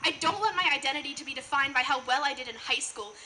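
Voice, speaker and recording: Noticeable background noise fills this live-event recording of a teenage young woman doing slam poetry. Her high-pitched voice is bright and forceful, quick in pace, with an emphatic, earnest, rhetorical delivery.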